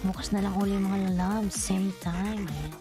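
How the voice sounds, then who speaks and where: A woman's voice: mid-range voice, steady tone, unhurried, music in the background. A sleepy woman from the Philippines, chatting casually on her livestream late at night and signing off. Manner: tired, drowsy, sign-off chatter. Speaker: livestream vlogger. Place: UAE.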